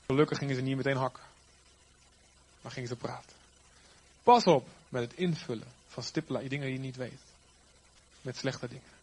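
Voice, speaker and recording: A man preaching a sermon, swinging from loud, emphatic lines to quiet, trailing ends. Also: medium pitch, normal speed, pauses often, slightly rough.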